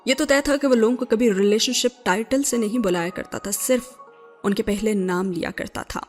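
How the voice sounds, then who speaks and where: Female narrator for a serialized novel, measured and steady, soft music underneath. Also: mid-range voice. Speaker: novel reader. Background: faint background music.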